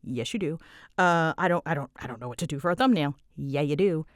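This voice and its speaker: Talking a little fast into a close mic, with no room sound, a woman in a low voice answers questions from listeners. As an online creator she rambles casually and runs herself down, and she gets lively when quoting what she said.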